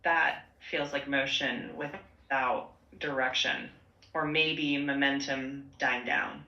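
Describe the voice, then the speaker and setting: A woman's synthetic assistant voice with a gravelly edge, answering in a slow, tentative, hedging way. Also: a bass voice, steady tone, muffled recording. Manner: slow and tentative, with hedged, soft phrasing. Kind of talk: measured conversational replies. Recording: echoey room.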